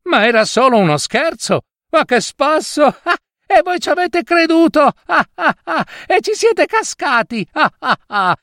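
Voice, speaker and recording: A man's voice: sing-song, fairly quick, hardly any pauses, no room sound, studio quality, heavily acted. Man putting on a cheeky shepherd boy. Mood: mocking glee. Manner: high, shouting, mocking. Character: mischievous young shepherd boy, prankster.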